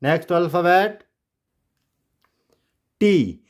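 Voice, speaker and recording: A man teaches pronunciation in Hindi. He speaks slowly and deliberately, repeating each word and asking rhetorical questions. His voice sits a little higher than most men's. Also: animated. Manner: slow, drills words and repeats them, asks rhetorical questions. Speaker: English teacher. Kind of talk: Hindi-language English pronunciation lesson.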